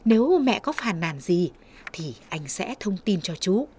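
A woman voicing a calm older brother who soothes and reassures, in a storybook reading. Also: on the low side, measured pace, husky, full character voice. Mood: reassuring.

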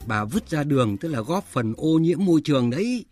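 A man's voice: a little high, sing-song, brisk. An actor playing an older husband in a radio drama who stammers and then lectures his wife. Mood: reproving. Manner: stammering, reproving. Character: lecturing older husband, calm but exasperated. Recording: music bed under the voice.

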